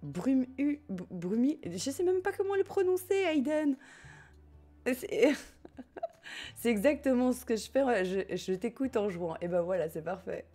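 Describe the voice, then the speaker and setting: A woman's voice: fairly high pitch, big pitch swings, measured pace, dark tone, faint music behind. A woman with a French accent chatting casually as she streams a life-sim game and reads her chat, joking and often laughing. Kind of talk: casual gameplay commentary, reading chat.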